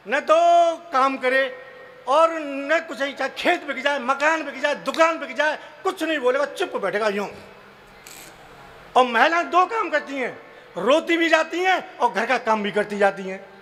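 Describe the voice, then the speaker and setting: A man performing comic poetry on stage, telling stories with acted quotes and slow, chanted verse lines. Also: extremely high pitch, bright, forceful tone. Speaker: comic poet. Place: live stage event.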